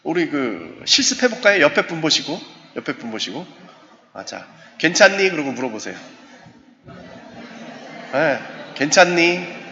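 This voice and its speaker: A man, a professor, giving a lively seminar talk in a church, acting out little exchanges with his listeners. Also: medium pitch, normal speed, pauses often. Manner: animated, acts out short dialogues with the audience. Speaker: professor lecturing on suicide prevention. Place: church sanctuary. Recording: muffled recording, long church reverb, faint hiss.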